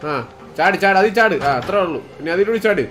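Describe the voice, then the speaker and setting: A man streaming a co-op game, excitable and bossy, barking instructions at his partner. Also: high-pitched, a little fast. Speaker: gaming streamer. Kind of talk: casual co-op game commentary. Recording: game music playing under the voice.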